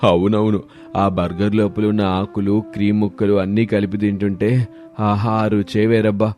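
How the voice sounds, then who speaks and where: A man playing a lazy village man in a cartoon story, pitched a little below his usual voice. He talks in a loose, idle drawl with faint music underneath. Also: little pitch movement, moderate pace, darkish tone, natural voice. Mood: relishing.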